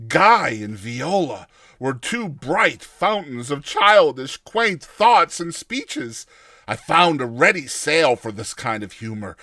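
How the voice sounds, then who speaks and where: A man gives a theatrical, expressive reading of a classic short story, dramatizing it as first-person narration. His voice is a little high, and the studio recording is clean with no echo.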